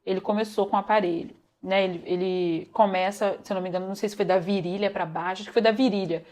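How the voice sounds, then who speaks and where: A woman's voice: mid-range voice, fairly even intonation, fast, a little mellow. A young woman with a Brazilian Portuguese accent, earnestly telling her own story to viewers and acting out the dialogue. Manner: earnest, addresses viewers as "gente", acts out quoted dialogue. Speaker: vlogger sharing a personal testimony. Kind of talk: emotional personal storytelling.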